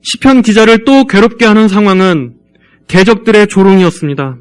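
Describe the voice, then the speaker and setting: A male pastor delivering a church sermon, earnestly urging the congregation in a measured way. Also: high-pitched, smooth.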